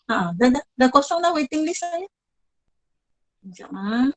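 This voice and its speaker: A woman's voice: sits high, animated, a little slow, rough recording. Chatty Malaysian woman teacher on a call. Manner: chatty, apologetic, praising students one by one. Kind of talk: online class with students.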